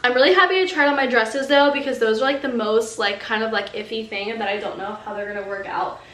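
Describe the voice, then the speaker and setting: A young woman with a higher voice talks fast and fairly brightly, chatting casually to the camera as a lifestyle vlogger at home. She fills her speech with "like," and the room sounds echoey.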